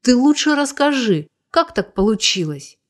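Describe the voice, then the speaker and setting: A woman voicing a kind, reassuring adult man in a read-aloud story, speaking calmly and fatherly. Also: on the high side, moderate pace, voice pushed up.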